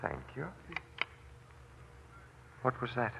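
An actor playing a sly, pompous fake swami with a solemn, formal, theatrical manner in an old radio drama. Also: male voice, slow pace, bright, forceful tone. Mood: smooth, wary. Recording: dull, noisy old radio recording.

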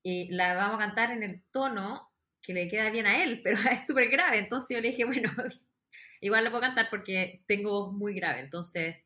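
A woman's voice: mid-range voice, moderate pace, bright, forceful tone. A woman from Chile with a Chilean accent, a singer guest chatting casually on a podcast, laughing often as she tells stories. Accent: Chilean Spanish.

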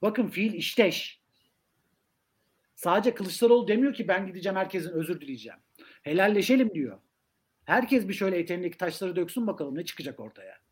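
Male academic guest for political talk show, fairly high voice, emphatic and rhetorical delivery. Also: very animated, brisk. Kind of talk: political discussion on a live stream.

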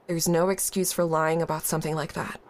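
Speaking fairly quickly in a low, flat voice, an actress performs an audio drama role: a young woman in a grief support group who is guarded and impatient. She starts out evasive before becoming blunt and exasperated.

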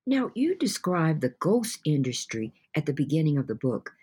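Woman, podcast host, low husky voice, lively intonation, formal questions. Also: normal speed. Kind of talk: interview hosting.

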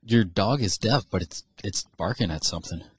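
A man's voice: on the low side, a little fast, husky, no echo. A man co-hosting a podcast, bantering casually, joking and laughing often. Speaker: podcast co-host.

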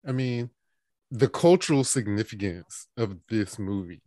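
A man co-hosts a casual podcast in a lowish voice. He argues his points earnestly, and the recording is dry, with no room sound. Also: lively intonation, measured pace, dark tone, dry recording. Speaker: podcast co-host.

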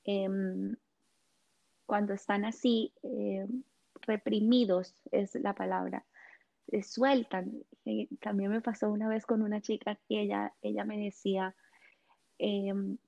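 A woman, a guest, talking in a gentle, hesitant way with many fillers, explaining in casual conversation. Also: mid-range voice, little pitch movement, slow pace, gravelly, long pauses, highs cut off. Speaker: guest on chakras and essential oils.

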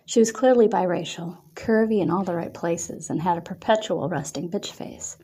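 A woman reading her own erotic story aloud in a steady storytelling manner. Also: fairly low pitch, normal speed, slightly rough.

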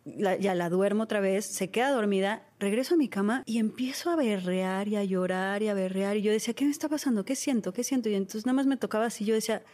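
A woman's voice: medium pitch, fast, a little mellow. A woman in her thirties with a Mexican accent, hosting a podcast and telling a personal story in a candid, casual way. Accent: Mexican Spanish. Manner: candid, storytelling, lots of fillers. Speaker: podcast host. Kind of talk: casual conversation.

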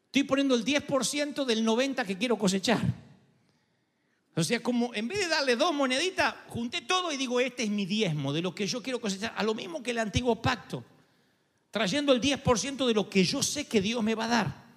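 A man, a pastor with an Argentine accent, preaching a sermon and acting out quoted dialogue, moving between low intimate asides and loud peaks. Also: brisk. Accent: Argentine Spanish. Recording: long hall reverb.

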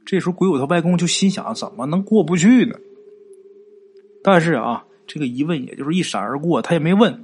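A man's voice: fairly high pitch, lively intonation, fast, few pauses, husky. A man narrating a ghost story in a casual, colloquial way, stretching out particles and fillers.

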